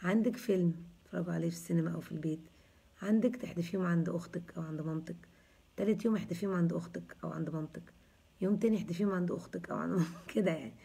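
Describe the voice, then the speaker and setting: Her lowish voice is husky, creaky, and mellow as she talks in a rapid-fire way. She's a woman in her thirties with an Egyptian Arabic accent hosting a casual live chat, chatting, joking, and teasing as she answers viewers' comments.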